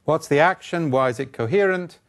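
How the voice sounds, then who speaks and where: An older man giving a conference keynote lecture, brisk, wry and blunt, throwing in asides and rhetorical questions. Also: on the high side. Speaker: keynote speaker. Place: conference stage, indoors.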